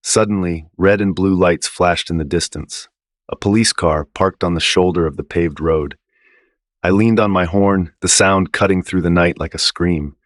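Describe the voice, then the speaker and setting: A man reading a first-person horror story in a low, tense storytelling manner. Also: fairly even intonation, moderate pace, no echo, clean studio sound. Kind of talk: scripted first-person narration.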